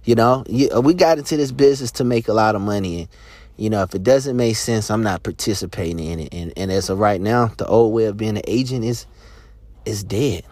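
A man's voice: lowish voice, brisk, darkish tone, dry recording. A man hosting a podcast about sports agents, ranting passionately with emphatic repetition and frequent restarts. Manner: passionate, emphatic, repeats words and restarts often. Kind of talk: podcast rant.

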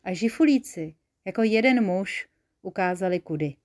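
A woman narrating a children's story in a lively, playful way. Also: medium pitch.

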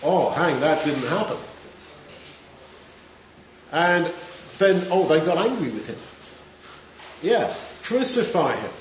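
A man's voice: on the high side, animated, takes it slowly, pauses often. A man preaching a sermon in a conversational way, acting out the voices of crowds. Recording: echoey room, dull sound, faint noise.

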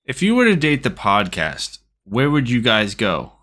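Young male podcast co-host, mid-pitched, lively swings in his voice, halting and rambling as he talks. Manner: rambling, hesitant restarts. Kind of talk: casual chat.

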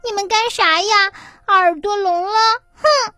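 A woman's voice: extremely high pitch, normal speed, soft background music, pitched above the performer's own voice. A woman reading a children's story aloud, voicing an impatient little girl who gets whiny and indignant. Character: cross, impatient little girl in first grade.

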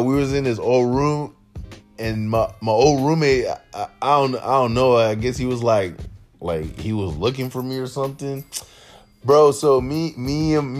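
A man's voice: mid-range voice, a little mellow. Young man rambling through a funny story. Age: young adult. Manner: rambling, repeats himself, slangy, bursts of laughter. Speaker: podcast host. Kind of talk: casual storytelling monologue.

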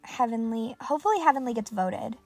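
A woman chatting through a video game with excitable, dramatic outbursts. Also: fairly high pitch, a little fast, dry recording. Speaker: gamer. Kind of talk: casual gameplay commentary.

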